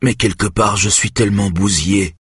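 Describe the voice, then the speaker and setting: A man reading aloud, voicing a shaken, guilt-ridden male patient who talks haltingly. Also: lowish voice, fairly even intonation, a bit bright, breathy edge, no echo, studio quality. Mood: anguished.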